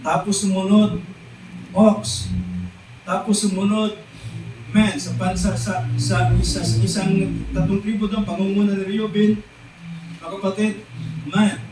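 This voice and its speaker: A Filipino-accented man preaches in a fairly high voice, drawing out the scripture he quotes. He sounds far from the microphone in a reverberant church hall. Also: little pitch movement, background noise. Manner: mixes English scripture with Tagalog, keeps calling the congregation "mga kapatid"; drawn-out, emphatic quoting of lines. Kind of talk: sermon. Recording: echoey church hall recorded from a distance.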